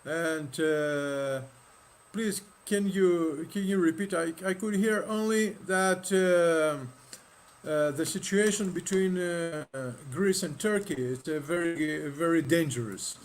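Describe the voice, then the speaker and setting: High-voiced halting male host. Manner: halting, repeats words, many fillers. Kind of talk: online panel moderation. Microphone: video call.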